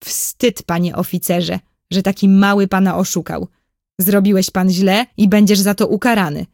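A woman's voice: mid-range voice, little pitch movement, moderate pace, vocal fry, a little mellow, dry recording, clean studio sound, close to an everyday voice. A woman reading a storybook, voicing a stern, grey-haired old male general who sits as judge and scolds.

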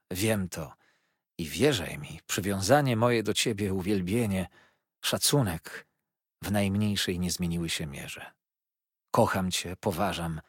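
Brief: gentle old doctor read by a man, deep, slow and tender, husky tone. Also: no room sound, clean studio sound. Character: kind, grave elderly doctor husband.

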